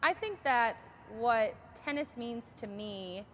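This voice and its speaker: A woman's voice: a little high, expressive, takes it slowly, bright, forceful tone, slight background noise. A woman in her twenties, a tennis coach, answering interview questions in a casual way with many fillers. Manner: casual, many ums and you-knows.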